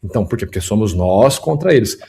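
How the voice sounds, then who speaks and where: A man hosting a political commentary show, breaking down clips quickly and emphatically for his viewers. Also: lowish voice, lively intonation, gravelly, warm tone. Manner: quick, emphatic, analytical, talks to the audience and production. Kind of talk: video commentary and analysis.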